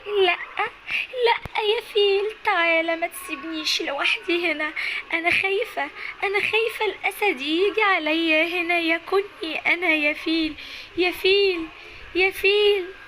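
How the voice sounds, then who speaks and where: A woman's voice: steady tone, moderate pace, slight background noise, close to an everyday voice. A woman with an Egyptian Arabic accent voicing a timid young female giraffe in a storybook tale, calling out in a panicky, pleading way. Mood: panicked. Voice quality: high, bright girlish voice. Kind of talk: storybook acting.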